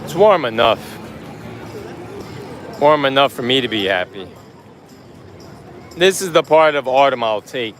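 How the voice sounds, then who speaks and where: A man live-streaming as he walks a busy city street, rambling in a relaxed way and greeting chat viewers by name. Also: mid-range voice, unhurried, pauses often, slight background noise. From United States. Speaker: livestream vlogger. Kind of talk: casual live-stream chat while walking. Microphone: handheld phone on a gimbal.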